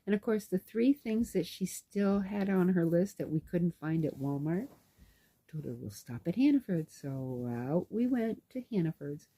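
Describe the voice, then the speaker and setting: Woman, casual storytelling, dark mellow tone, slightly husky, dry close sound. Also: on the low side, unhurried, no echo. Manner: chatty, animated, acts out dialogue. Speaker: knitting vlogger and caregiver.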